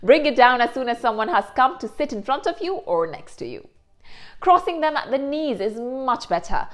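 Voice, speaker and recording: A woman presents a self-improvement lesson. Her fairly high voice rises and falls in a lively way. She explains each step clearly and carefully. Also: moderate pace. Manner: clear, careful explanations with occasional Hindi asides. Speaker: host. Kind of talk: instructional presentation.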